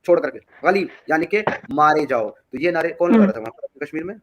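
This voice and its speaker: A man's voice: on the high side, lively intonation, crowd noise. A man from India hosting a heated debate, pressing his question again and again. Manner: insistent, keeps repeating his question. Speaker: host.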